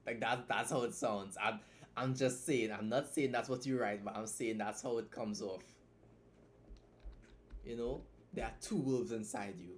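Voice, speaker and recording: Man, mid-pitched voice, blunt and profane, rambling stream critique, faint typing behind. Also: measured pace, slight background noise. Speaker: streamer critiquing a writer's story. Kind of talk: live-stream writing critique.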